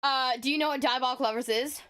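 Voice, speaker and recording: A woman streamer chatting casually, rambling and stuttering nervously through an animated rant. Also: sits high, fast, smooth.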